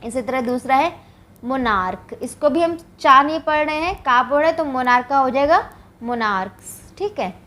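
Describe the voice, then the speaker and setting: A woman's voice: high-pitched, animated, moderate pace, pushed and bright. A woman from India teaching English grammar, explaining step by step and answering her own questions. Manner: says "ठीक है" often as a check-in. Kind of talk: classroom grammar lesson.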